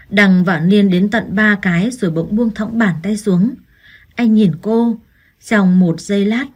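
A woman narrating an audiobook story calmly and evenly. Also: mid-range voice, breathy edge.

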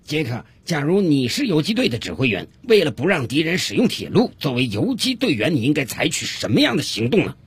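A man's voice: a little high, wildly swooping pitch, fairly quick, few pauses, slight background noise. A man voicing a teacherly male partisan war hero who quizzes children in a radio comedy. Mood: questioning. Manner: questioning, teacherly.

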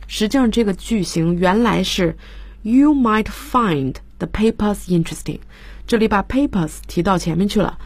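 A woman's voice: fairly low pitch, a little mellow, dry recording. A woman English teacher on a radio program, explaining grammar in Chinese and reading English example lines. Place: radio studio.

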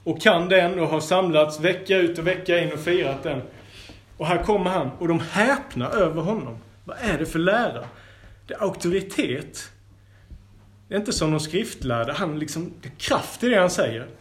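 A man with a fairly high voice leads a Bible school lesson. He reads scripture aloud and breaks in with lively, playful asides.

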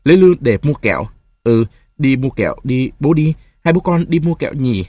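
A man voicing a calm, sardonic husband in his forties. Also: mid-range voice, brisk, husky, no room sound. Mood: gentle. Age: 40s. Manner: cool, mocking, then gentle with his child.

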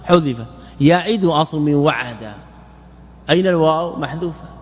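A man's voice: fairly high pitch, moderate pace, husky. Man lecturing in a reverberant hall. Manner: repeats words, asks and answers his own questions. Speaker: sheikh teaching Arabic morphology. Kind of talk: classroom lecture explaining grammar.

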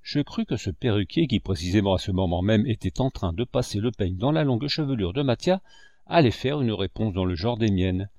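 A man reading a classic novel aloud as audiobook narration, in an expressive, measured storytelling manner. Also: on the low side, dry recording, studio quality. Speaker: audiobook reader.

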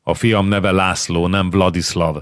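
A man's voice: sits low, flat delivery, no echo, clean studio sound, close to an everyday voice. A man voicing a tense, defiant young noblewoman in an audiobook, speaking in clipped, hissed lines. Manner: clipped, hissing. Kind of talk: audiobook character reading.

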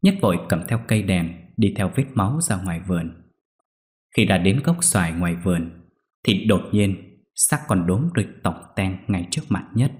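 A man narrating a scripted ghost story in a steady, grave storytelling tone. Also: deep voice, normal speed. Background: soft background music.

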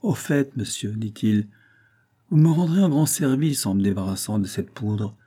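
A man's voice: on the low side, animated, moderate pace, dark tone, breathy edge. A man voicing an ironic, mocking male city magistrate in an audiobook reading.

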